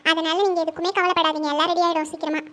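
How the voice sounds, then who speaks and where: A woman's voice: extremely high pitch, flat delivery, very fast, fairly bright tone. A woman acting as a young wife who eagerly reassures her family that the wedding preparations are ready, in a homemade drama. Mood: reassuring.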